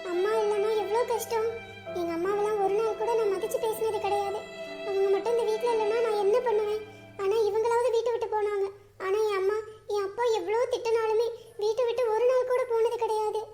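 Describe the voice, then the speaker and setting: A woman in a comedy sketch speaking gently and thoughtfully as a daughter who reflects on her mother. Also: very high voice, fairly even intonation, fairly quick. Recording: faint music underneath.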